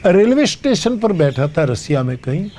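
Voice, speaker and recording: An older man from Gujarat, giving a devotional discourse in measured storytelling with sung verses. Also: high-pitched, big pitch swings, darkish tone, a little hiss or hum. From Gujarat, India. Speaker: spiritual storyteller.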